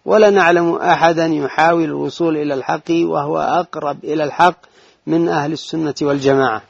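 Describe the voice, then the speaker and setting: A man reading a religious text aloud in a lesson, in a measured recitation with brief asides. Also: on the high side, steady tone, creaky, no room sound. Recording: dull lo-fi dry recording.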